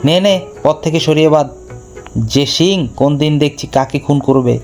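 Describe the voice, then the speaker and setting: A man's voice: fairly high pitch, moderate pace, darkish tone, faint music behind, pitched above the performer's own voice, natural voice. A man voicing a pompous, scornful elderly Brahmin priest who scolds and sneers in a storybook reading. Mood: sneering.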